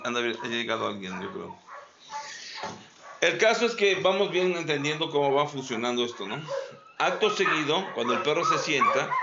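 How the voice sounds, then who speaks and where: A man teaching dog training outdoors, calmly demonstrating and repeating commands. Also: mid-range voice. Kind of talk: hands-on training instruction. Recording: dull recording with loud background noise and barking dogs.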